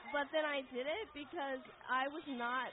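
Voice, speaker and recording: A woman's voice: high voice, moderate pace, music in the background. A woman speaking as a guest in a casual interview, talking in a slangy way with lots of "like.". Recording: tinny phone-like sound.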